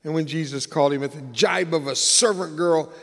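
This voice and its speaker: A man's voice: a little high, fairly quick, gravelly, long reverb tail. A man preaching a sermon, telling a humorous personal story in a conversational way with dramatic swings in delivery. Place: church.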